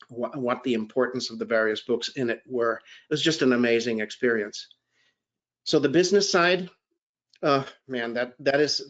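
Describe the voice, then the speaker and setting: Rambling male panelist on dull lo-fi audio. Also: medium pitch. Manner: rambling, self-deprecating, with restarts. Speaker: gemology writer and panelist. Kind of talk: anecdotal career storytelling.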